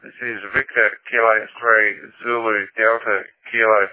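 A man's voice: on the low side, little pitch movement, unhurried. An Australian man on a ham radio call, giving his call sign phonetically in a matter-of-fact way, heard over a radio receiver. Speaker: amateur radio operator. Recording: dry, tinny radio audio.

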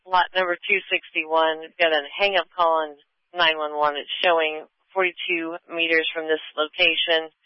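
A man's voice: on the high side, little pitch movement, normal speed, clear, resonant tone, no room sound. Man dispatching over police radio. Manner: clipped, repeats addresses and numbers. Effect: police radio transmission. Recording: dull, dry lo-fi police radio.

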